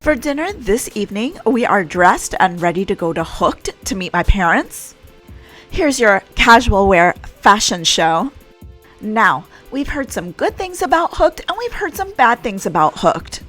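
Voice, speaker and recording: A woman's voice: medium pitch, big pitch swings, measured pace, a bit bright. Cheerful woman cruise vlogger, casual chat to camera, faint music underneath. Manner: chatty, upbeat, addresses viewers directly. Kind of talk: casual vlog narration. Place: aboard a cruise ship.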